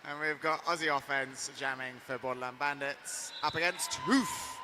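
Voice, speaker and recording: A man's voice: mid-range voice, moderate pace. A man giving earnest, enthusiastic play-by-play commentary on roller derby. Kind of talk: live sports commentary. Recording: faint ambient noise.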